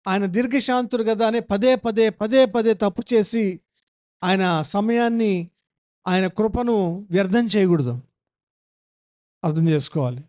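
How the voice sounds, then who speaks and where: A man's voice: high voice, unhurried, pauses often, darkish tone. A male pastor giving a Bible-study sermon, emphatic, repeating phrases and putting questions to the congregation.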